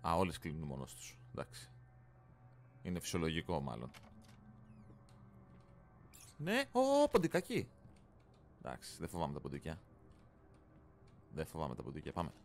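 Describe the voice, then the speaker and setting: A man's voice: rumbling low, gravelly, long pauses, a little hiss or hum. A man hosting a horror game let's play, commenting casually, swearing often and yelping when startled. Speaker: gaming channel host.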